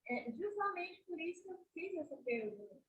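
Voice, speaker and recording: A woman's voice: extremely high pitch, lively intonation, moderate pace, a bit bright, muffled recording. A woman teacher asking a question during a video call meeting, hesitant and searching for words. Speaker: teacher in the course. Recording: echoey distant call audio with faint hiss.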